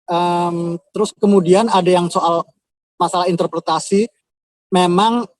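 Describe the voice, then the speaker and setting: A man's voice: high voice, fairly even intonation, measured pace. A man, a composer, answering viewers' questions on a live video call in a casual, hesitant way with many filler sounds. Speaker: composer and audition host.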